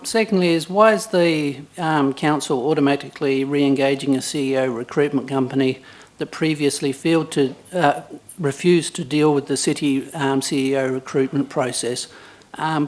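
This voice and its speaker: A man's voice: mid-range voice, fairly even intonation, moderate pace. A man, a ratepayer, putting probing, persistent questions to a council meeting. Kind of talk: public question time.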